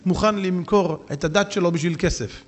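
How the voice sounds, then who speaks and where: A man voicing a scheming priest who wheedles and persuades in a told story. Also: high-pitched.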